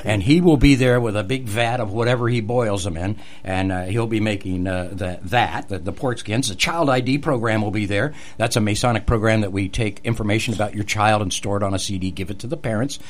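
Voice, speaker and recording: A man hosting a radio talk show, folksy and quick to laugh. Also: lowish voice.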